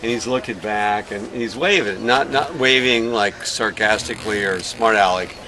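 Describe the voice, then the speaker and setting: A man's voice: on the low side, moderate pace, pushed and bright. A middle-aged man and sailing father chatting in a casual outdoor interview, telling stories with plenty of fillers. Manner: chatty storytelling with many fillers. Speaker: sailor and father of a young racer. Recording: noisy outdoor recording.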